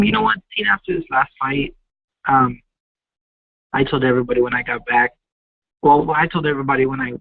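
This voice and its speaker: A man's voice: medium pitch, no echo. Young man on a muffled phone line. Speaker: professional boxer being interviewed. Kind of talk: casual phone interview.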